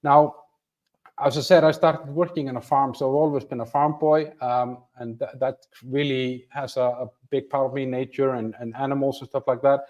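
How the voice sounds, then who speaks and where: In lo-fi sound, a man's darkish, mid-range voice moves at a moderate pace with fairly even intonation. This fifty-something host from Iceland livestreams from home in front of a flag, chatting informally with viewers, self-deprecating, with lots of restarts.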